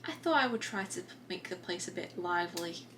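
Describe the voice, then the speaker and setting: A woman's voice: on the low side, animated, fairly quick, noisy background, close to an everyday voice. A woman reading aloud the lines of a chatty old woman working in a café, about seventy, from her own manuscript. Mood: friendly.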